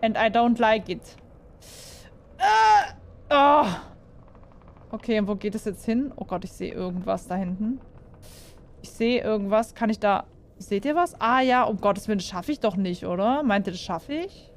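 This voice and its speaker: A young woman gaming YouTuber with a mid-range voice and moderate pace plays a horror game for her viewers. She is jumpy and full of exclamations, often asking her audience questions.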